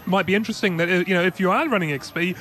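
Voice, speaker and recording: Guy cohosting a tech podcast, higher voice, loose rambly chat with little laughs. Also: racing, a bit bright. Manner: chatty, rambling with restarts and laughs. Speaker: podcast co-host. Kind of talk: casual tech news chat.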